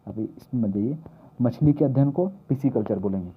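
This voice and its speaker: A man's voice: mid-range voice, normal speed, slightly rough. A man teaching exam mnemonics, repeating key words and asking questions he answers himself. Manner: repetitive, asks questions and answers them himself. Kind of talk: mnemonic lesson for exam prep. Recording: tinny phone-like lo-fi audio.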